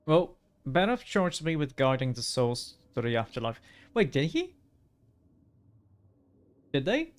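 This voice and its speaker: A man's voice: a little high, very animated, unhurried, pauses often. A man doing casual video game commentary, sometimes muttering to himself and reading on-screen text aloud in a hesitant way. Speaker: gaming streamer. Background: faint game music.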